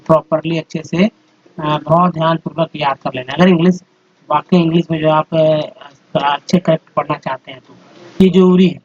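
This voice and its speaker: A man's voice: on the high side, darkish tone. Man patiently drilling English letter sounds. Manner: repetitive, step-by-step explaining, addresses viewers as friends. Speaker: English teacher. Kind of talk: slide-based phonics lesson. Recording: dull lo-fi audio with faint noise.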